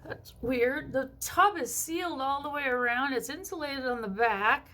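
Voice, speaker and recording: A woman with a shrill, high-pitched voice giving a casual hands-on explanation in a home bathroom, with sweary, exasperated asides. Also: normal speed, sharp tone.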